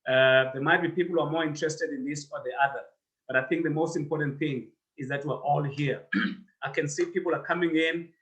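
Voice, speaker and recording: A man's voice: a little high, fairly even intonation, a little fast, fairly bright tone, rough recording. A man hosting a live online interview podcast, welcoming viewers by name over a video call. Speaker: podcast host.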